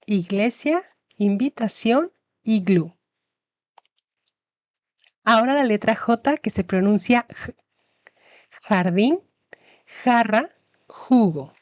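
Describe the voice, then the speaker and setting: A woman's voice: mid-range voice, dry recording. A woman teaching Spanish in a scripted lesson narration, carefully pronouncing each example word. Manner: slow, careful enunciation of example words.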